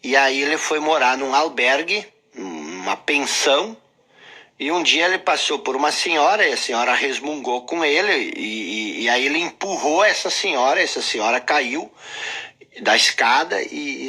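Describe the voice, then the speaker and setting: A man's voice: medium pitch, lively intonation, moderate pace, sharp tone, slightly rough. A man giving a motivational self-help lesson. He speaks emphatically, repeats his phrases and addresses the listener directly. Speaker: teacher of a self-help course.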